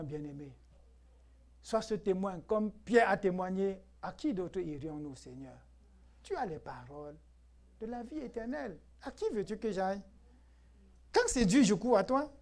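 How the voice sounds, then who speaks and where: A man's voice: high-pitched, darkish tone. Emphatic male pastor preaching to his church. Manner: emphatic, rhetorical questions, laughs often. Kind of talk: preaching a sermon.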